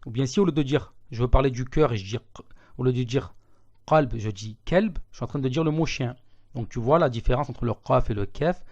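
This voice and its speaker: Man teaching with slow, careful repetitions. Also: medium pitch, darkish tone. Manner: patient, repeats words slowly to contrast sounds. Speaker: Arabic teacher. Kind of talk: online language lesson. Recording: slightly dull lo-fi audio.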